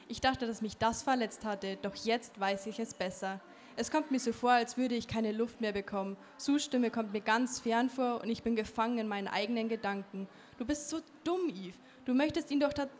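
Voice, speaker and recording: Teen girl author reading a first-person story aloud, higher voice, faint noise behind. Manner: earnest reading with some slips. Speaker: young author. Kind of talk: reading aloud from her novel.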